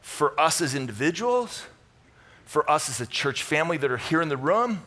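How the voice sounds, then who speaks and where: A middle-aged American pastor with a fairly high, sing-song voice, pushed and bright, speaks at a moderate pace from an indoor church stage. He teaches the Bible to a live congregation in short, conversational, punchy phrases, stressing points again and again.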